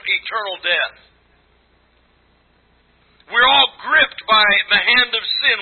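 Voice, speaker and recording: A man in his sixties preaching a sermon to a congregation, earnest and emphatic, with a husky, rough-edged voice. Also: high voice. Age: 60s. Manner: earnest, emphatic, exhorting with repeated phrases. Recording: thin, phone-like band-limited sound.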